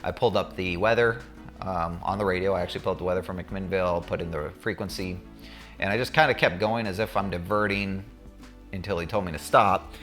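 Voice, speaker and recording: A man's voice: sits low, brisk, fairly bright tone, faint music behind. A man talking casually and candidly to viewers, recounting his own experience as a student pilot in a conversational way.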